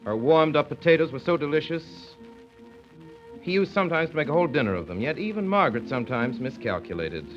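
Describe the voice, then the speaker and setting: Narrating a 1930s radio play, an actor plays a grown son who wryly and fondly recalls his childhood household, measured in mood yet sing-song and fast in a slightly high voice. Music plays underneath, and the sound has the dull quality of a vintage 1930s broadcast.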